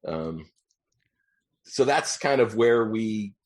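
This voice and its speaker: A man in his forties, a podcast guest, talking casually with many ums and pauses. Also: lowish voice, expressive. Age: 40s. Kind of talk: casual chat.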